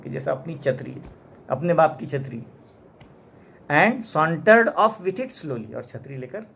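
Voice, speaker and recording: A man's voice: medium pitch, vocal fry, a little hiss or hum. A male teacher from India with an Indian English accent, explaining a text phrase by phrase and checking in with his listeners. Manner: translates line by line, often adds "isn't it?" tags. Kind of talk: classroom lesson explaining a story.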